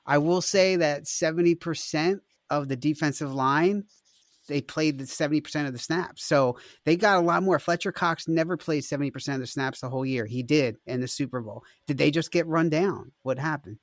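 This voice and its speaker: A man's voice: a little high, a little fast. A man co-hosting a sports podcast, blunt and pressing his point in casual debate. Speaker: podcast co-host.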